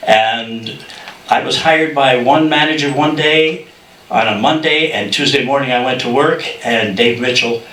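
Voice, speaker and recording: An older man reminisces in an anecdotal introduction speech, halting as he goes. His voice is bright and forceful, picked up from a distance in an echoey room. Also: mid-range voice. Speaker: ceremony presenter. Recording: echoey room, distant mic, faint noise.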